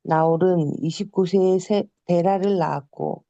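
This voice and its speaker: A reader with a gravelly, dark voice reads scripture aloud in turns. The reading is measured and careful. The sound is dry and a little muffled. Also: medium pitch, steady tone, no room sound.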